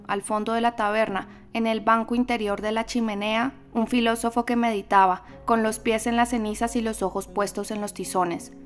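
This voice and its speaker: A woman with a Latin American Spanish accent narrating an audiobook in a calm, measured way. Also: medium pitch. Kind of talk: scripted narration.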